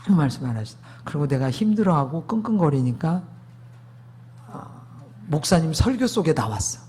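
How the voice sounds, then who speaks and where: A man's voice: a little high, sing-song, normal speed, darkish tone, slight background noise. A man preaching a sermon testimony, emphatic, asking the congregation rhetorical questions.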